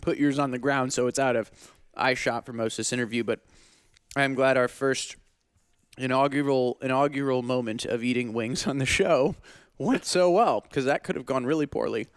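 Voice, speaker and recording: A man's voice: medium pitch, normal speed, clean tone, no room sound, studio quality. A man hosting a podcast in a bar, chatting casually and joking while he eats. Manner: relaxed, jokey, talks while eating. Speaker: podcast host. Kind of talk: casual chat over food.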